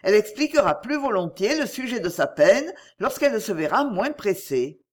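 A gentle, unhurried old father speaks soothingly to calm his family. A woman reader voices him close to her own voice in a storybook reading. He stays steady and kind throughout. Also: medium pitch.

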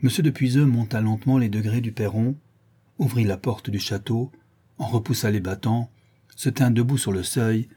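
A man's voice: medium pitch, normal speed, dark tone, slightly rough. A man steadily reading a classic novel aloud as narrator.

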